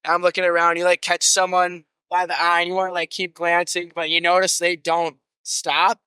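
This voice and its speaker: A man's voice: sits high, completely flat delivery, moderate pace, pushed and bright, clean tone, no echo. A man who is a touring musician, telling stories in a laid-back, rambling way with casual swearing. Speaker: guest musician. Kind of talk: casual storytelling.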